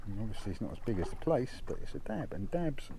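A man's voice: on the low side, quick pace, gravelly. Man, chatty angler, small boat at sea, action camera, audible wind and water noise. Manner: chatty, excited over each catch, explaining fish details. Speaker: angler filming his fishing trip. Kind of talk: casual vlog commentary. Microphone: head-mounted action camera.

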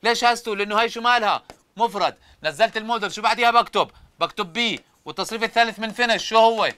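A man's voice: sits high, very fast, pushed and bright, clear, resonant tone, dry recording. A man with a Jordanian Arabic accent explaining English grammar rules, asking and then answering his own questions and repeating each step. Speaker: English teacher.

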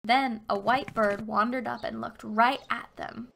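A woman narrating a children's fairy tale expressively, slowing down for emphasis. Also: on the high side, steady tone, creaky, a bit bright, a little hiss or hum.

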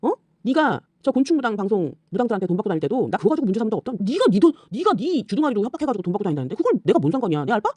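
A woman scolding and swearing at her rivals in an angry rant, firing off rhetorical questions and tagging lines with a sharp "eh?". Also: mid-range voice, very animated, very fast, few pauses, no echo. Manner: repeatedly tags lines with a sharp "eh?". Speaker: YouTuber addressing rivals.

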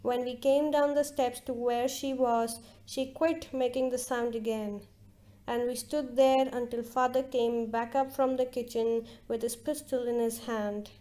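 A woman reading a literary short story aloud with slow, measured narration. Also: fairly high pitch, mellow. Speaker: reader.

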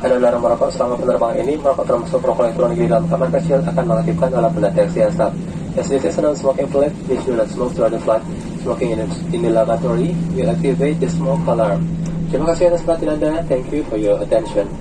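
A man's voice: medium pitch, fast. A man with an Indonesian accent, a flight attendant reading a scripted safety announcement in a formal, recited way. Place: inside an airliner cabin. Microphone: cabin PA recorded from passenger seat. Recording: distant cabin PA, loud aircraft noise. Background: steady aircraft cabin noise.

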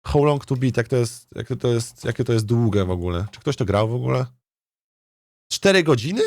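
This let's play host speaks in a mid-range, slightly dark voice, animated and fairly quick. The recording is clean studio sound with no room echo. Chatting casually as a game streamer, he thinks aloud, hesitates, rambles, and repeats words often.

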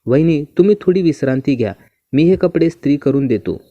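A man's voice: fairly high pitch, animated, fairly quick, no echo. A man reading the part of a teasing brother-in-law. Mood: friendly. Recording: dull, muffled dry recording.

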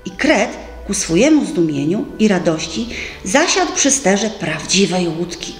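A woman narrating a children's storybook aloud with expressive, lively delivery, recorded for a library. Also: medium pitch, measured pace. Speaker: audiobook narrator. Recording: roomy with faint music.

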